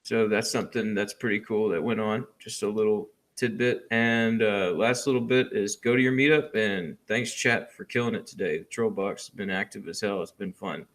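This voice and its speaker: A man's voice: lowish voice, fairly even intonation, moderate pace, hardly any pauses, fairly bright tone. A man co-hosting a casual podcast, rambling with many ums and uhs as he shares his final thoughts. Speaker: podcast co-host. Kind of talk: casual chat.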